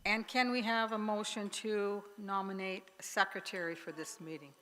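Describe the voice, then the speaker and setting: A woman opening and running a church annual meeting at a microphone, halting with fillers and restarts. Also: medium pitch, steady tone, fairly bright tone. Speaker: meeting organizer. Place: church sanctuary. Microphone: microphone with sound trouble. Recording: long church reverb, faint noise.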